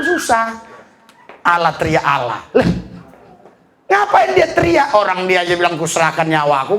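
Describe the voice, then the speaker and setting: A man preaching a sermon as pastor, lively and full of laughter and shouted exclamations. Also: high voice, creaky.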